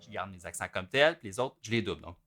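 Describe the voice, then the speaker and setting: A man with a Québécois accent gives a drum lesson in a practice room. His fairly low voice keeps an easy, step-by-step pace as he shows each pattern. Loud drumming from his kit fills the gaps between his phrases. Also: quick pace, over loud music. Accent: Québécois French. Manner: relaxed, step-by-step explaining while demonstrating. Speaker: drum teacher. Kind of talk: explanatory music lesson. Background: loud drum kit playing between phrases.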